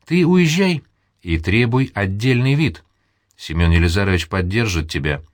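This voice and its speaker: A man's voice: lowish voice, animated, normal speed, no echo, clean studio sound, lightly acted. A man voicing a vain, scheming middle-aged colonel's widow who talks grandly and condescendingly. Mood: condescending, dreamy. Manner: grand, condescending, theatrical sighs.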